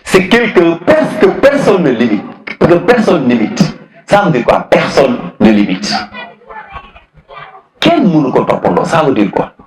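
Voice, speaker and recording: A man's voice: a little high, sing-song, a little slow, reverberant, rough recording. A man teaching a philosophy class, repeating key phrases, questioning students and switching between French and Wolof. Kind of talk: classroom lesson.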